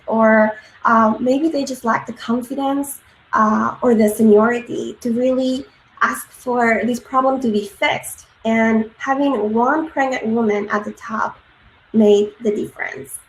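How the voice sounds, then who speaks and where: Woman from Peru, 30s, fairly high voice, conference talk, lots of ums, echoey room, faint hiss. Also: measured pace. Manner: frequent ums and uhs, earnest. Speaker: conference speaker. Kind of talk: presentation talk.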